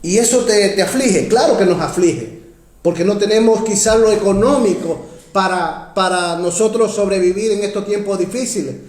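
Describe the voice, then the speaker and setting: A man preaching a sermon as pastor, urgent and heartfelt, surging loud then dropping to quiet asides as he keeps calling out to his brothers and sisters. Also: normal speed, roomy sound. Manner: impassioned, swings from loud rises to low quiet asides, keeps addressing "hermanos".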